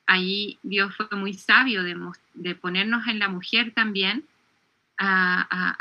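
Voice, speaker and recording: A woman, earnestly telling a devotional story in conversation, often pausing and restarting. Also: medium pitch, muffled recording. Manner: earnest, with frequent hesitations and restarts.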